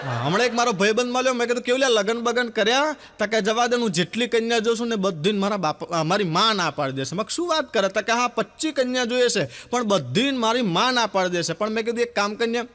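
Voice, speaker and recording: A man's voice: high voice, fast, hardly any pauses. A man doing stand-up, telling comic stories and acting out the dialogue of the people in them. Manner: animated joke-telling with quoted dialogue. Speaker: stand-up comedian. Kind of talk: Gujarati comic storytelling.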